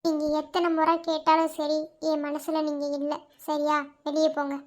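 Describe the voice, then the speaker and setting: A woman doing a tearful young cartoon heroine who keeps pushing her suitor away. Her voice is very high and light, clipped and defensive, with the strain of held-back crying. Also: little pitch movement, moderate pace, natural voice. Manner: defensive, curt, dismissive. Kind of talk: cartoon love-story voice acting.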